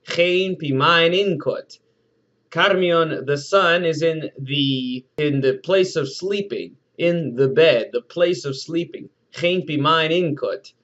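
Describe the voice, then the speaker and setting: Slow-paced man teaching a language lesson. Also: fairly high pitch. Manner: repeats words and spells them out letter by letter. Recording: dull lo-fi sound.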